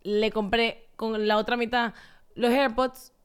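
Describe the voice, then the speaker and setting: A woman in her thirties, co-hosting a podcast in casual chat, animated and acting out quotes as she tells stories. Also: fairly high pitch, a little slow, clear, resonant tone. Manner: animated storyteller, acts out quotes. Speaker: podcast co-host.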